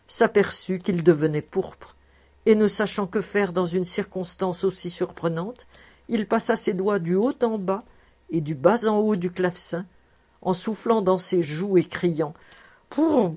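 Woman, audiobook narrator, lower pitch, measured, expressive. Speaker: audiobook reader. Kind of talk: audiobook narration of a classic novel.

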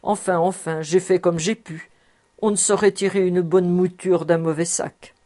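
A woman's voice: lowish voice, fairly even intonation, normal speed, warm tone, close to an everyday voice. Woman reader voicing a jovial grown man, boastful, self-satisfied, cheerful.

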